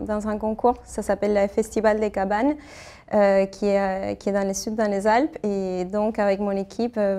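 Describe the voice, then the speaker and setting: Flat-voiced woman. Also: mid-range voice. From Argentina. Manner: hesitant, many fillers and restarts. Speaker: architect interviewee. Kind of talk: interview answers.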